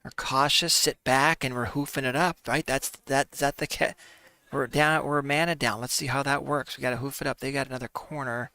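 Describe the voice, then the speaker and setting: Gaming commentator: man with a gravelly, bright voice, dry close mic, chatty and exasperated. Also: medium pitch, fairly even intonation, brisk, no echo. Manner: chatty, talks to viewers as folks; sighs and laughs through frustration. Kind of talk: casual gameplay commentary.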